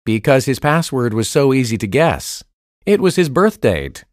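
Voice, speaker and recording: A man voicing the male parts of a school listening test with clear, evenly paced delivery. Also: mid-range voice, big pitch swings, normal speed, dry recording. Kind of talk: scripted test dialogue reading. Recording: dry studio recording.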